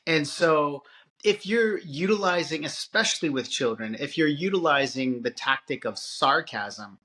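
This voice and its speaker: A man's voice: a little high, unhurried, bright, forceful tone. A middle-aged man co-hosting a podcast, talking in a thoughtful, hesitant way with many restarts. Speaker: podcast co-host. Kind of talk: casual chat.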